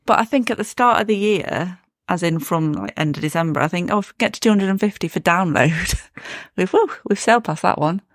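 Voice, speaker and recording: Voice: mid-range voice, fairly quick, fairly bright tone, dry recording, clean studio sound. A podcast co-host chatting casually about their show and music news, laughing often. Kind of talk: casual chat.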